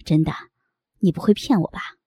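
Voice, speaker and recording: A woman voicing an eager adult man in an audio story, speaking in a husky, breathy half-whisper. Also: moderate pace, dark tone, dry recording, studio quality. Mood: teasing. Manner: low murmured lines, teasing and pleading.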